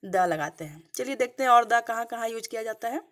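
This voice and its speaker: A woman's voice: a little high, expressive, fairly quick. Woman teacher quizzing her class. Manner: asks the class questions and answers them herself; checks in often with "clear?" and "okay". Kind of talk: slide-based grammar lesson.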